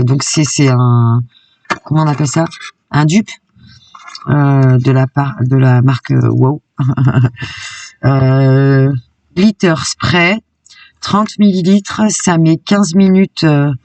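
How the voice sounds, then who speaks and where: A woman's voice: sits low, darkish tone, no room sound, distant mic. A woman YouTuber chatting enthusiastically through a casual shopping haul vlog. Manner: chatty and enthusiastic, peppered with "hein". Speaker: craft YouTuber.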